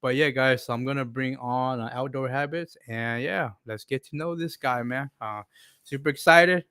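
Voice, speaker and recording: Smooth-voiced man hosting a livestream. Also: mid-range voice, bright, forceful tone, no echo, clean studio sound. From Alaska. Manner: halting, many fillers and restarts. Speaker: livestream host. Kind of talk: casual livestream chat.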